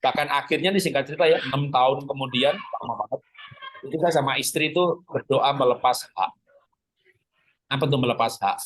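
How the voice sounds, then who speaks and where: A man's voice: medium pitch, brisk, poor audio. A middle-aged man preaching in a conversational, joking way, acting out quoted lines and prayers. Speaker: pastor. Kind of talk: sermon teaching.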